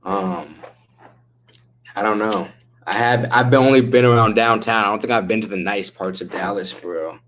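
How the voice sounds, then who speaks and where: A man's voice: fairly low pitch, moderate pace, a bit bright, a little hiss or hum. Laid-back stoner guy chatting casually. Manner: slangy, profane. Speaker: livestream host chatting with viewers. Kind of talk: casual chat.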